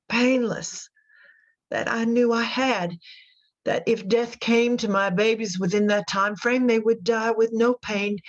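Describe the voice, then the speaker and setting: In a radio drama monologue, a woman plays a haunted Southern mother delivering her confession, folksy, intense, and deliberate. Her voice is a little high, and the audio sounds dull.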